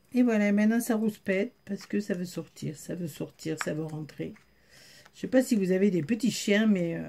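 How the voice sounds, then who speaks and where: A woman's voice: medium pitch, a little mellow. A woman with a Southern French accent, chatting casually to her viewers as she shows off a haul, with frequent fillers. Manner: chatty, filler-heavy, addresses viewers directly. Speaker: haul vlogger. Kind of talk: casual show-and-tell chat.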